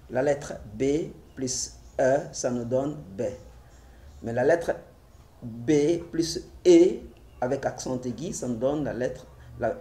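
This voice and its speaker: Slow-spoken man teaching the alphabet. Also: mid-range voice, dark tone. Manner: spells letters and syllables aloud one by one, repeating for learners. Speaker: literacy teacher. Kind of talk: slow deliberate French literacy lesson.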